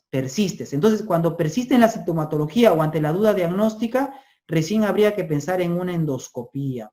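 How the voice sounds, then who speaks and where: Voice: mid-range voice, dark tone. A medical exam-prep lecturer who repeats key terms and keeps checking in with listeners. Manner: drills terms by repeating them, tags lines with 'ya?' and 'ojo'. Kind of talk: recorded lecture.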